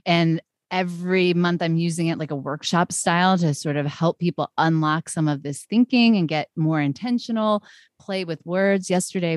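A woman's voice: on the low side, a little mellow, no room sound, studio quality. A woman with a Boston accent, chatting informally as a guest on a podcast. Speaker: guest consultant. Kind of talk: casual podcast conversation.

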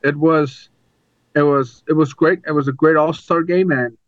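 Halting man in casual sports chat. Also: fairly high pitch, fairly even intonation, no echo, lo-fi sound. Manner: halting, many restarts. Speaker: podcast co-host.

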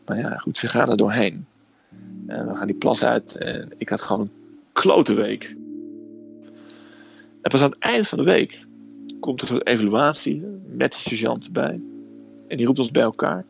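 A man with a gravelly voice telling a personal story, recorded dull and lo-fi with faint music. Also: mid-range voice.

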